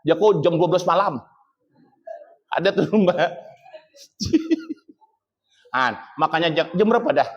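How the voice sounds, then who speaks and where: A man with a Banjar Malay accent giving a humorous sermon at a mosque gathering. His voice sits high, and he tells stories in a lively way, slipping into high, pleading tones to play the people in them. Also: measured pace, long pauses, slightly rough, dull audio. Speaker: preacher. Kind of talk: humorous sermon with acted anecdotes.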